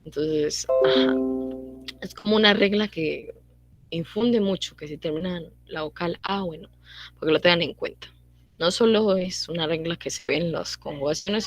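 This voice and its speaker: Young woman, language teacher, lowish voice, dry close sound, chatty, repeats herself, asks "right?" often. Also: dry recording. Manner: repeats points and checks in with quick tag questions. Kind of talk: casual online grammar lesson.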